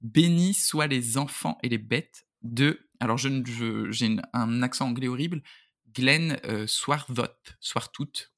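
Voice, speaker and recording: A man with a medium-pitched voice talks as a podcast guest. His style is a casual bookish chat, informal and slangy, with a joking touch. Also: a little slow, a bit bright. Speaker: podcast guest, book YouTuber.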